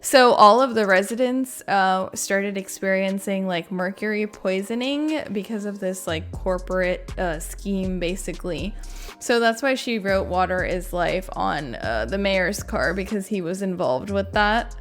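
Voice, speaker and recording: A woman with a mid-range voice hosts a gaming video, speaking unhurriedly over soft background music. Her reaction and ranking commentary is casual, unscripted and conversational, as if she's thinking aloud.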